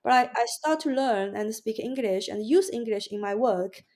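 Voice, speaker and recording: A woman with a Mandarin Chinese accent is a guest on a podcast interview, speaking haltingly with many restarts and fillers. Her voice is on the high side and a little mellow.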